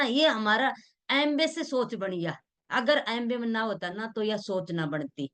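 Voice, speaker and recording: A middle-aged woman giving an earnest, homespun motivational talk, slipping into local dialect. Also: a little high. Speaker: motivational speaker.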